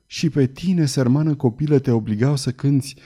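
A man voicing a tender young nobleman who speaks softly and kindly, in a read-aloud story. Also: medium pitch, lightly acted. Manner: soft, hushed.

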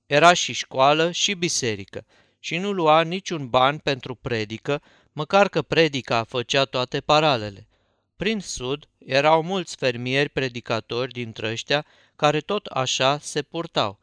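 Clear-voiced male audiobook narrator. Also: mid-range voice, dry recording, clean studio sound. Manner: folksy, even storytelling. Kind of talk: scripted first-person narration.

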